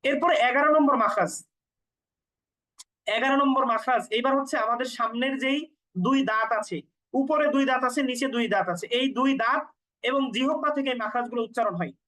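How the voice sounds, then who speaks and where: High-voiced woman teaching pronunciation. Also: fairly bright tone, poor audio. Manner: patient, explanatory, repeats sounds slowly for learners. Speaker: Quran recitation teacher. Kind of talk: step-by-step pronunciation lesson.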